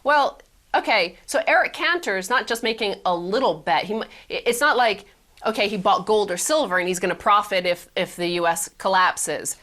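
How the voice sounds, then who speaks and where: Female co-host, financial news reader, questioning manner, mid pitch. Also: moderate pace, fairly bright tone. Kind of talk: reading news and asking questions.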